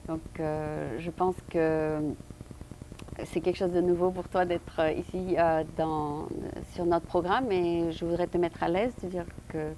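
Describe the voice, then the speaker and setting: A woman's voice: lowish voice, fairly even intonation, measured pace, mellow, rough recording. A middle-aged woman from France hosting a TV interview, hesitant, with many fillers and restarts. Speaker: TV interviewer host. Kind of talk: casual interview on a community TV show.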